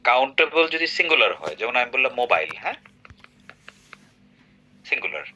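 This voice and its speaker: Bright-voiced quizzing teacher. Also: male voice, medium pitch, very animated, moderate pace. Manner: quizzes the student often with short tag questions. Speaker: English teacher. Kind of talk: classroom grammar lesson. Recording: dull lo-fi recording.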